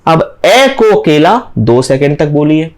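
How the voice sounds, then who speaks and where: Emphatic high-voiced grammar teacher. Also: male voice, expressive, unhurried. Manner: emphatic, repeats key points, asks students to say sounds aloud. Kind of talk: exam-prep classroom lecture.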